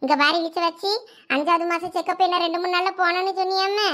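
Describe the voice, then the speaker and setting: A woman's voice: extremely high pitch, steady tone, fast, pushed and bright. A woman acting a village family drama, scolding, teasing and fussing in a nagging way.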